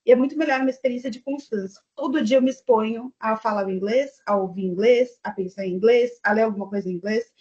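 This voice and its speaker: A Brazilian woman with a Brazilian Portuguese accent talks fast, barely pausing, in a fairly high voice that is husky and a little mellow. She's chatting on an online panel and thinking aloud with fillers, heard through dull, lo-fi video-call audio.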